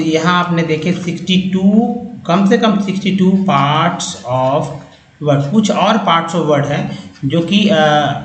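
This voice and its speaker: A man teaching English phonics in a patient, drawn-out way, repeating each sound over and over. His voice sits a little high. It is recorded in an echoey room with a faint hiss behind it. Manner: slow, repeats each sound several times. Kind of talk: explaining phonics on a whiteboard.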